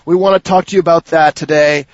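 Gravelly-voiced hesitant podcast host. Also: male voice, fairly high pitch, steady tone, fast, highs cut off, a little hiss or hum. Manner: hesitant, many restarts and fillers. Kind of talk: casual gaming podcast chat.

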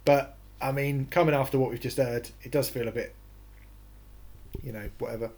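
A man co-hosting a music podcast, talking in a relaxed, rambling way with the odd swear. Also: mid-range voice, brisk. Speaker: podcast co-host. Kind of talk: casual music review chat.

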